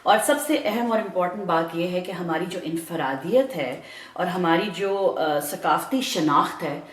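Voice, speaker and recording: A woman panelist in a casual discussion, explaining earnestly with formal vocabulary. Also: fairly low pitch. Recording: echoey room.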